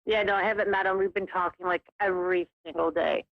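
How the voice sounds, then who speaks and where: A woman calls in over a clipped phone line that keeps breaking up, speaking hesitantly and apologetically in call-in chat. Her voice is low, steady, gravelly, and quick, with no room sound, and the line sounds dull and dry.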